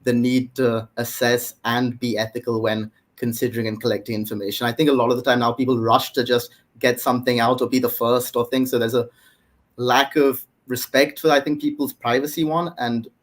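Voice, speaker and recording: A man hosting an interview, commenting and asking questions in an earnest, unhurried way. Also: medium pitch, level tone. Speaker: podcast host, interviewer.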